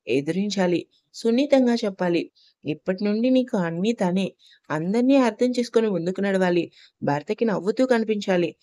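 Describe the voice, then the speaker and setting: A woman voicing a caring middle-aged mother who gently advises her daughter in an audio story. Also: mid-range voice, dry recording, lightly acted.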